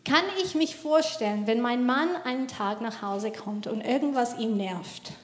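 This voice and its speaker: A woman with a high, bright-pitched voice tells a lively parenting story in a casual faith talk. She laughs often and her German is slightly broken. The recording has a roomy, echoing sound. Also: unhurried. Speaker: mother telling a parenting story. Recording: roomy echo.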